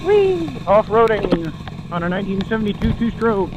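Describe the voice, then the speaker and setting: A man's voice: high voice, sing-song, normal speed. A young man in a helmet chatting casually and joking as he rides a motorcycle in the rain. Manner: chatty, joking running commentary. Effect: muffled voice from inside a helmet. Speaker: motorcycle vlogger. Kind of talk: casual chat while riding. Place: outdoors, riding a motorcycle in the rain. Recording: loud engine and road noise.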